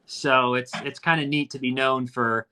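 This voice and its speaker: Bright-voiced man in his thirties. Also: mid-range voice, steady tone, normal speed, clean tone. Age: 30s. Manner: earnest, thoughtful, many restarts. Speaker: actor hosting a live stream. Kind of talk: casual chat.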